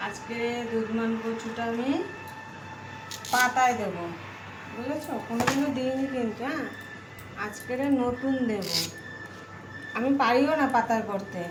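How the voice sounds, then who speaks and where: A woman's voice: on the high side, a little slow, long pauses. A woman chatting casually through a home cooking vlog, homely and often putting small questions to her viewers. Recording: echoey room, clear background noise, kitchen clatter.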